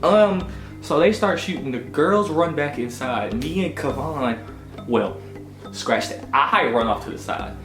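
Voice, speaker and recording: In an unhurried, fairly high voice, a twenties-aged man from Augusta, US, vlogs a personal story in a casual, animated way. Slang and check-ins like "you know what I'm saying" fill his speech, heard with echo and music in the background.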